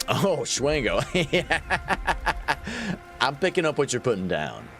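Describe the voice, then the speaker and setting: A man in his thirties livestreams a game, chatting casually, laughing often and answering his viewers. His medium-pitched voice swoops wildly, the pace is slow, the tone a bit bright, and soft music plays in the background.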